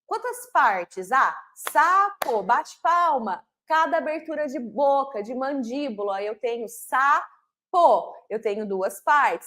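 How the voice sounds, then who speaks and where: High-voiced woman teaching a lesson. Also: a bit bright. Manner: didactic, slows down to sound out syllables and phonemes; fast bursts with frequent "né?" and "certo?" checks. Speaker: literacy teacher trainer. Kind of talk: recorded online lesson.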